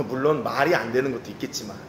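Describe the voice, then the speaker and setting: A man's voice: medium pitch, quick pace. Earnest male pastor preaching in a roomy hall. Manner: earnest, repeats key phrases for emphasis; addresses the congregation directly. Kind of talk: sermon. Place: church service. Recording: roomy echo with faint background noise.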